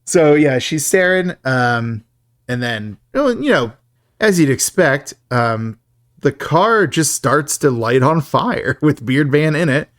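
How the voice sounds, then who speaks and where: A man's voice: on the high side, animated, takes it slowly, fairly bright tone, no echo, clean studio sound. A man co-hosting a podcast, recapping a film in a chatty, joking way and laughing often. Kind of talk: casual chat.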